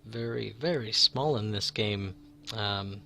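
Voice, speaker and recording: A man's voice: on the low side, takes it slowly, gravelly, sharp tone, slight background noise. A man narrating as game master, rambling with many fillers and restarts.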